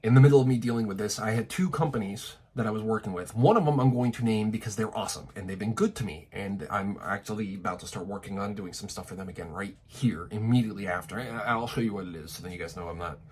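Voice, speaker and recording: Talking quickly with few pauses, this man has a low, darkish voice with a breathy edge. Still stuffy as he recovers from a cold, he vents frankly in a vlog from an apartment in Tokyo, full of swearing and restarts.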